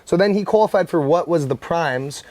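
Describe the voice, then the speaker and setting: A man with a Southern California accent, co-hosting a casual chat, excitable and slangy. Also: on the high side, normal speed, dry recording. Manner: excitable, slangy, says bro and dude a lot. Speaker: co-host.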